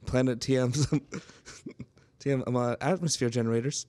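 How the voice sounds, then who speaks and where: A man's voice: medium pitch, steady tone, unhurried, dark tone. A man playing a tabletop game, speaking in character with stiff, formal phrasing. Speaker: player. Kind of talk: in-character tabletop role-play.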